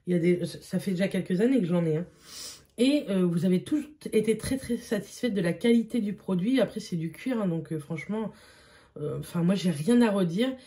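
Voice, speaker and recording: A woman's voice: medium pitch, expressive, fairly quick, warm tone. A young woman chatting casually as a beauty vlogger, with frequent fillers and repeated words. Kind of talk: casual vlog chat.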